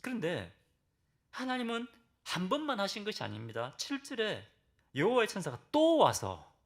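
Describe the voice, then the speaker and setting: A man's voice: huge pitch swings, normal speed. A middle-aged male senior pastor preaching a sermon in a church, questioning his congregation and acting out biblical pleas in dramatic bursts. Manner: dramatic, acts out Bible figures' pleas with sudden loud high bursts; asks the congregation direct questions. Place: church sanctuary.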